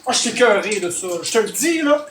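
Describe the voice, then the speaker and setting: A man's voice: sits high, expressive, fast talker, fairly bright tone, echoey room, slight background noise. A man with a Québécois French accent, a streamer venting in a heated, swearing rant at his chat. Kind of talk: angry livestream rant.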